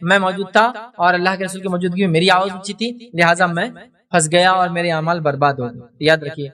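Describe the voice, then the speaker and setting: High-voiced preacher, slightly off-mic. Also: male voice, fairly even intonation, bright, forceful tone, recorded from a distance. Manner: storytelling, acting out quoted voices; recites Arabic verses slowly. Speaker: Islamic preacher. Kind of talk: sermon.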